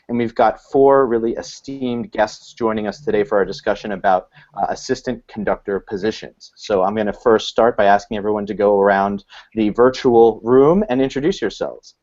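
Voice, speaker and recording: A man with a fairly low voice moderates a panel over a video call. He asks his questions in a friendly, organized way. The sound is muffled and narrow, as video call audio tends to be. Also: darkish tone.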